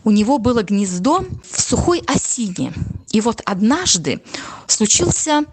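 A woman's voice: fairly high pitch, big pitch swings, a little slow, breathy edge. A woman working as a tourism manager, explaining things informally as an interviewee. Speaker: tourism manager at a nature reserve.

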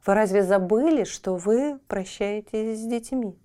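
Woman voicing a gentle, wise spirit of light. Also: medium pitch, a little slow, voice pushed up, natural voice. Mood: reproachful. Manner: gentle, reproachful.

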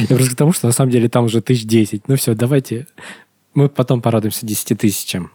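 A man's voice: medium pitch, fast talker, a little mellow, slightly rough. A man in his thirties hosting a casual podcast chat, talking loosely with restarts and frequent laughs. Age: 30s. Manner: chatty, laughs often, trails off in restarts. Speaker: podcast host.

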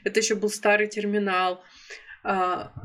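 Here a young Russian vlogger in her twenties speaks in a mid-range, level voice at normal speed, with a fairly bright tone. Recounting a personal trip, she chats casually, fills pauses, corrects herself often and occasionally laughs.

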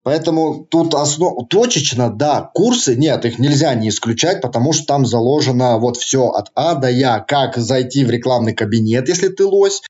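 A man's voice: medium pitch, normal speed, few pauses, a little mellow, dull audio. A man with a slight lisp and slushy sibilants chats casually in an interview, using slangy, joking, colloquial phrasing. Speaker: targeted-ads specialist, interview guest.

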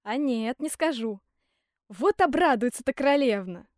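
A woman's voice: high voice, expressive, moderate pace, no room sound, clean studio sound. A woman reading a storybook aloud, voicing a boisterous, cocky young simpleton man who whoops and boasts. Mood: gleeful. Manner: loud whooping, brash and gleeful.

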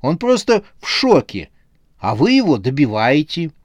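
A man's voice: fairly high pitch, wildly swooping pitch, measured pace, no echo, lo-fi sound. A man voicing an anxious young wife in a comic horror audiobook, alarmed and protective of her husband. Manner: alarmed, pleading.

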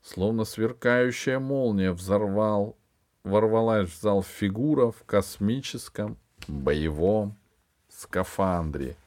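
Give me a man narrating a storybook dramatically, with a lowish voice. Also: slow pace, darkish tone. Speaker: audiobook reader. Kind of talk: scripted narration.

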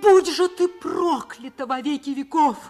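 A woman acting a grave, defiant woman who recalls her harsh youth, in a breathy, hushed, solemn 1960s radio drama narration. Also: high voice, lively intonation, faint music behind. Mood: impassioned. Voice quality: breathy, often hushed to a whisper. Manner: slow, solemn, impassioned declaiming. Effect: old radio show sound.

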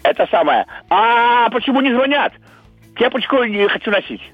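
A man's voice: very high-pitched, sing-song, slightly rough, no echo, soft background music. A man calling in to a radio show over the phone, speaking in a squeezed, strained voice and stumbling over his words. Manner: halting, repeats words. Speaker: radio caller. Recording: dull lo-fi phone line.

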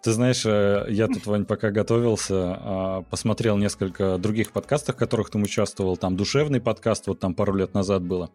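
A man's voice: fairly low pitch, fairly quick, few pauses, darkish tone, faint music behind. A man hosting a film podcast. He opens with announcements, then chats in a friendly, upbeat way. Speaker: podcast host. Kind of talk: announcement then casual chat.

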